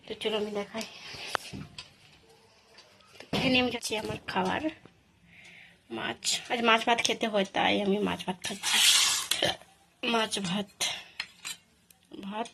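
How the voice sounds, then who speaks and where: A woman vlogging casually to her viewers, her voice hoarse from a cold. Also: medium pitch, steady tone, unhurried, long pauses. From Bengal. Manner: chatty, talks to viewers as friends. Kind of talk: casual vlog narration. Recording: noisy background.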